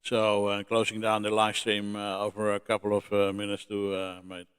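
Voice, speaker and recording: A man running a ham radio contact on a livestream, speaking in a halting, friendly way with many fillers. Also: fairly low pitch, monotone, a bit bright, clean tone.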